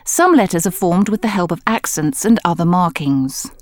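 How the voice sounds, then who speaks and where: A woman narrates a language course in a slightly low voice. Her delivery is scripted, clear and measured, as she gives instructions and explanations. The recording is dry. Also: expressive, no room sound.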